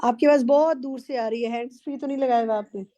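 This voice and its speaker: A woman teaching an online class, patiently correcting students' recitation and drilling pronunciation slowly. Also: on the high side, fairly even intonation, dark tone, no room sound. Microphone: video call.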